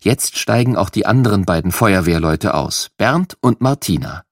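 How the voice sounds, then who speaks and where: A man reads a children's story aloud with expressive, child-directed narration. His medium voice swoops lively up and down, recorded dry and close to the mic. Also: low-pitched, moderate pace, no room sound.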